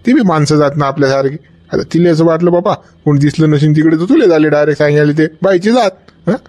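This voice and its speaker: A man's voice: a little high, fast, darkish tone, natural voice. A man playing a worried, talkative village uncle in a comedy sketch, speaking. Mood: chiding. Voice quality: rustic, coaxing, talkative. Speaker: village elder visiting hospital.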